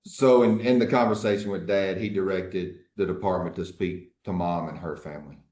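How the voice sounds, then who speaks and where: A man speaking as an attorney in a courtroom recording, formally questioning a witness in a measured, halting way. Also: low-pitched, fairly even intonation, darkish tone, roomy sound. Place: courtroom hearing.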